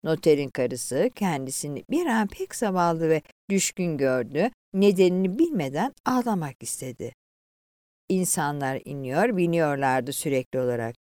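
A woman reading a story aloud in a dramatic, expressive storytelling manner. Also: low voice, moderate pace, no room sound, clean studio sound. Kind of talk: story narration.

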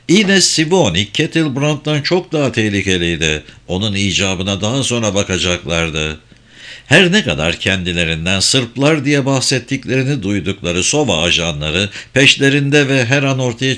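A man narrating a thriller audiobook in a steady, measured reading voice. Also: fairly low pitch.

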